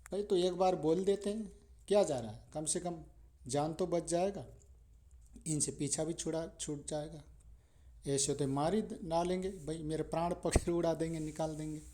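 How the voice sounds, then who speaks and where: A man voicing a stubborn young atheist who talks himself into giving in out of fear, in a warm, mellow voice. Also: a little high, normal speed, close to an everyday voice. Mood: frightened. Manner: pleading, fearful.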